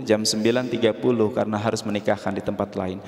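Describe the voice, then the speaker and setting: Formal marriage official, polite, measured, man voicing him, echoey hall. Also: lowish voice, flat delivery, darkish tone, pitched below the performer's own voice, close to an everyday voice.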